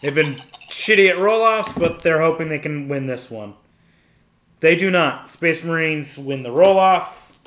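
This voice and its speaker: Speaking unhurriedly in a fairly high, slightly bright voice, a man narrates his own solo tabletop wargame. He calls each dice roll step by step while thinking aloud, in an echoey room, as a casual play-by-play.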